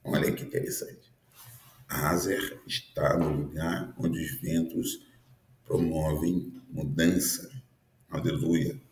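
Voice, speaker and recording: Deep low voice, pastor around 50 doing an earnest sermon, echoey room. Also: male voice, level tone, slow, darkish tone. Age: 50s. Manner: earnest preaching with frequent tag questions. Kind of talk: prophetic teaching sermon.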